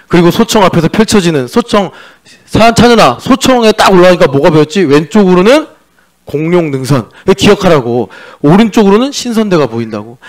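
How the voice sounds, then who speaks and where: A male pastor preaching a sermon in a chatty, joking way, teasing his congregation. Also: fairly high pitch. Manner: mixes in sung-style English lyric lines. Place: church sanctuary.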